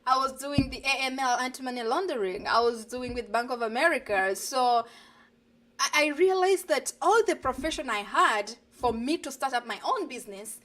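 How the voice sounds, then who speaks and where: A woman's voice: sits high, animated, moderate pace, fairly bright tone. A middle-aged woman from Uganda, talking earnestly as the guest of a live online interview, heard over a video call. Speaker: guest, digital business coach.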